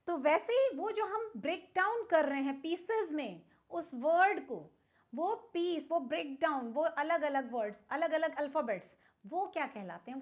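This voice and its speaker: A woman with an Indian accent explaining an English lesson to students, patiently asking questions and answering them herself. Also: high voice. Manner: mixes English words into Hindi. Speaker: English teacher.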